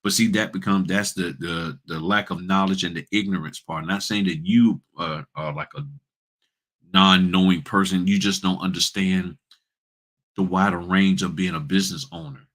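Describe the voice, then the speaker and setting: A man's voice: low voice, fairly even intonation, moderate pace, fairly bright tone. A man hosting a notary business channel, talking in a casual, blunt, rhetorical way that teases his listeners. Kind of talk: casual, preachy straight-talk monologue.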